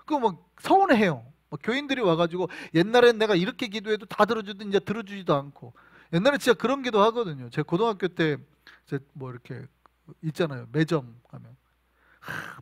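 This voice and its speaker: Male pastor, sermon, animated storytelling, lively, dry close sound. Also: sits high, brisk, dry recording. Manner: animated storytelling, asks the congregation questions.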